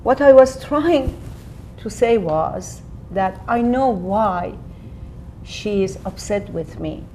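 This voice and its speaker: An actress playing an earnest immigrant mother who pleads her own case in a courtroom drama, speaking deliberately. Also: medium pitch, animated, warm tone, a little hiss or hum, poor audio. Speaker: actor playing a defendant. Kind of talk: acted courtroom drama dialogue.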